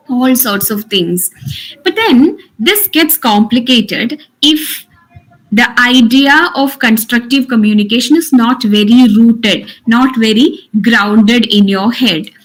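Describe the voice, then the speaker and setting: A woman's voice: on the high side, low-quality recording. A woman teaching an online workshop, instructive, restating her points for emphasis. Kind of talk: interactive lecture.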